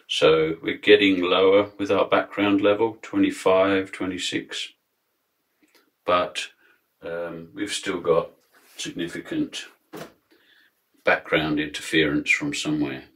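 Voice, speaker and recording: With a very low, deep voice, a fifties-aged man demonstrates a product technically, explaining steadily and deliberately and often saying "um" as he pauses. A close camera films him at his desk inside a small room lined with acoustic foam.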